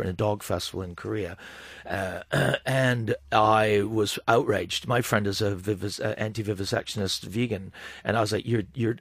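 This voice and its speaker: A man's voice: on the low side, no echo, studio quality. A man, a comedian, chatting casually as a guest, stopping and restarting his sentences often and laughing a lot. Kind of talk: casual podcast chat.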